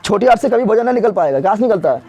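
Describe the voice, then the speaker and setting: A male teacher lectures a classroom at a quick clip, his voice pitched high. He keeps firing questions at the students and hammering the answers home again and again, in a plain, everyday way of talking. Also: animated, gravelly, dark tone. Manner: repeats questions and answers over and over to drill students; colloquial, with regional Bihari turns of phrase. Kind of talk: classroom lecture with call-and-response drilling. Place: classroom with a board.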